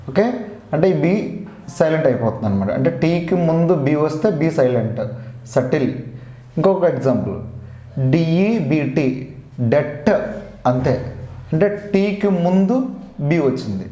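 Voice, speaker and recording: A man's voice: fairly high pitch, big pitch swings, moderate pace, pauses often, mellow. A man with a Telugu accent teaching an English grammar lesson, patiently repeating each rule and spelling words out letter by letter. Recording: roomy echo.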